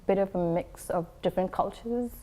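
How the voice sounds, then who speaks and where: A woman's voice: mid-range voice, a little fast, dark tone. A woman from Singapore, a guest in an interview, answering thoughtfully with frequent hesitations and filler ums.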